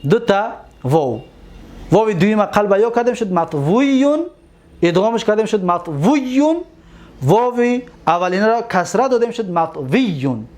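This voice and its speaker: A man's voice: sits high, animated, a little mellow. A man with a Tajik accent teaching a grammar lesson, chanting long lists of verb forms and quizzing his listeners. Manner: drills conjugations aloud, repeats and quizzes listeners.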